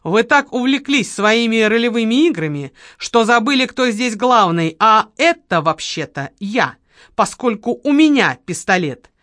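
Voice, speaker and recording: A woman's voice: a little high, very animated, unhurried, a bit bright, no echo, clean studio sound. A woman reading an audiobook, voicing a cold young woman with a gun who gives curt, harsh orders. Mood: cold commanding. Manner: curt, commanding.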